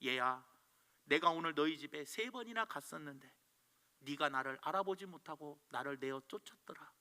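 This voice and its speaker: A man voicing Jesus as a kindly man who speaks calmly and gently in a sermon story. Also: fairly high pitch, normal speed, long reverb tail, voice pushed down. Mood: gentle.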